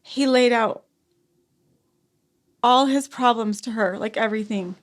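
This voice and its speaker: Her voice a little high, a podcast guest in her forties shares a personal story conversationally. She talks softly and haltingly, with frequent sighs and restarts.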